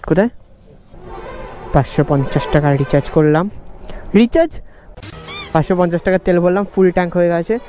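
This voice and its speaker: A young man narrating a motorbike trip in a relaxed, chatty way, joking along as he stops at roadside places. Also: on the high side, fast. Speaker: motorbike rider and co-vlogger. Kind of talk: casual travel vlog narration. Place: roadside stops and fuel station, outdoors.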